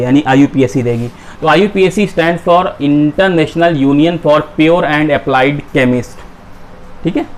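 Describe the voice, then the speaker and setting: A man's voice: on the high side, a little hiss or hum. A man teaching a chemistry class, who keeps asking his students questions and then answering them himself. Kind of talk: classroom lecture.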